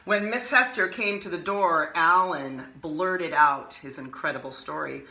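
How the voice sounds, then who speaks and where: A woman hosting an art lesson, reading a picture book aloud with expressive, animated storytelling and casual asides. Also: sits low, a little slow, reverberant, a little hiss or hum. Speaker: art teacher and host.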